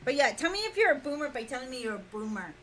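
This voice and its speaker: A woman's voice: high voice, sing-song, fast talker, fairly bright tone. A woman hosting a casual stream chat, laughing often and steering the conversation. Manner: laughing, chatty, directs the conversation. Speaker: streamer host.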